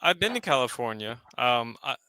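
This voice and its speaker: A man's voice: medium pitch, very animated, normal speed, pushed and bright. A man from Delaware chatting casually in a group. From Delaware, United States.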